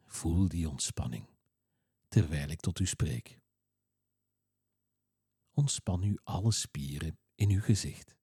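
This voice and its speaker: A man reading a guided relaxation exercise in a slow, soothing, calm way. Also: extremely low pitch, husky, dry recording, clean studio sound.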